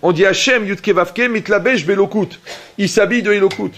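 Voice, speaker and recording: A middle-aged rabbi delivers a sermon with a somewhat high, gravelly voice. He tells lively anecdotes, acting out both sides of conversations, and keeps checking whether his audience is following. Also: normal speed. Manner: lively storytelling with acted dialogue and jokes; often asks the audience if they follow.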